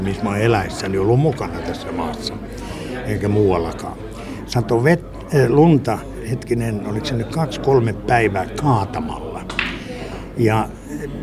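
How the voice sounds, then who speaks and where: A man casually telling a long personal story, rambling and restarting as he recalls details. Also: fairly low pitch. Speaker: interviewee recalling a snowstorm.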